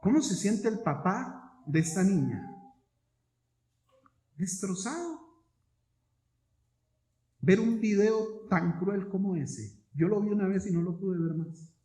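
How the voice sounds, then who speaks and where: A man preaching a sermon as pastor, swinging from loud emphatic peaks to hushed low asides. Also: lively intonation, slow, long pauses. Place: church sanctuary. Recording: echoey church hall.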